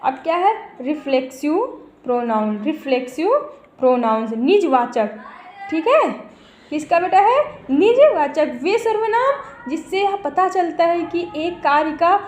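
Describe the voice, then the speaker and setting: In an echoey room with slight background noise, a woman teacher gives a grammar lesson, repeating each term, checking that students follow, and calling them "beta." Her voice is high, expressive, a little slow, and a little mellow.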